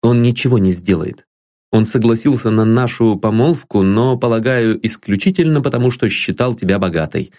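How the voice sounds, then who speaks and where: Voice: medium pitch, normal speed, warm tone, voice pushed up, lightly acted. A reader voicing an earnest, tender young man in an audiobook. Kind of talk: audiobook reading.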